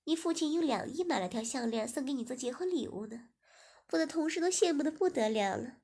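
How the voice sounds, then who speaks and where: A woman voicing a bubbly, gossipy young woman who talks with eager excitement. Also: high-pitched, brisk, pitched above the performer's own voice. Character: lively, chatty young woman guest.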